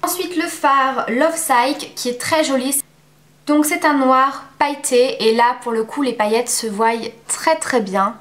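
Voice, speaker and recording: A woman giving a casual, chatty makeup review at home, pausing often on fillers. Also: sits high, roomy sound. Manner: chatty, many filler pauses. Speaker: beauty vlogger.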